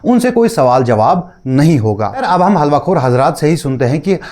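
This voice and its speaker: Teasing and sarcastic, this man hosts a commentary video poking casual fun at clips of preachers. His fairly high voice is a little mellow, swinging widely in pitch at a moderate pace.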